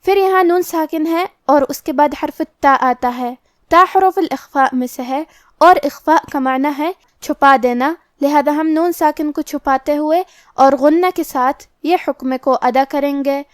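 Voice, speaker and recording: Brief: female tajweed teacher, high voice, methodical, dry close mic. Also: dry recording. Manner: slow, methodical explanation of each letter rule. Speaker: Quran recitation teacher. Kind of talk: tajweed lesson explaining rules.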